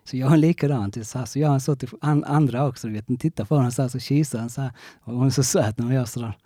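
A young man telling his own story in a casual interview, halting often and restarting with many fillers. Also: medium pitch, mellow, no echo, studio quality.

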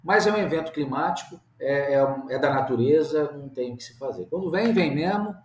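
A man's voice: on the high side, animated, a little fast, a little mellow, reverberant. A man, a winegrower guest talking casually, plainspoken and repeating words as he thinks. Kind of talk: casual interview chat.

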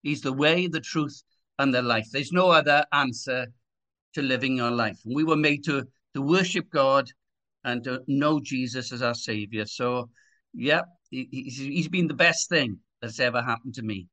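A Swansea man in his sixties, speaking with a Swansea Welsh accent, gives conversational personal testimony as an interview guest. His medium-pitched voice sounds pushed and bright at a normal speed.

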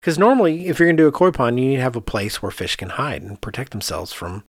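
This American podcast co-host, an architect, talks fast in a casual architecture discussion, explaining as he goes and thinking aloud. His pitch is medium but swings widely. A little hiss or hum can be heard in the recording.

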